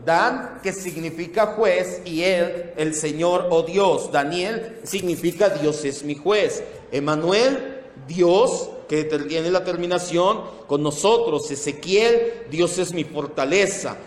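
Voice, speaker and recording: Male Bible teacher, slow and deliberate, higher voice, reverberant church room. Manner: slow, repeats terms, calls on listeners by name. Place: church meeting room with projector. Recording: echoey hall.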